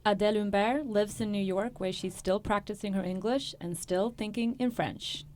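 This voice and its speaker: A woman anchoring a radio news program, reading scripted introductions in a crisp, measured way. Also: medium pitch.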